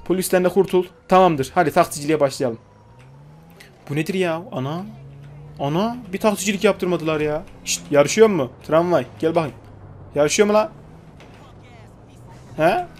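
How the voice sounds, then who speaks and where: A man's voice: a little high, moderate pace, darkish tone, a little hiss or hum. A young man giving casual, joking gameplay commentary, chatting to the characters on screen and swearing lightly. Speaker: gaming YouTuber.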